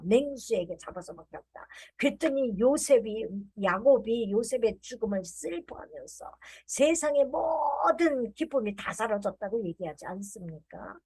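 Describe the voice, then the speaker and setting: A woman preaching a sermon, telling folksy stories with acted-out voices and slowly drawn-out refrains. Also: fairly high pitch, husky. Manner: animated storytelling, acts out quoted lines.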